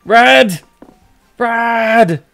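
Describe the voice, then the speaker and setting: A man voicing a greedy, reckless male thief in a game, excitable, exclaiming and pleading. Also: very high-pitched, very slow, vocal fry, no room sound, faint music behind, pitched above the performer's own voice, full character voice. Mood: panicked pleading. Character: greedy, reckless male thief who panics when trapped.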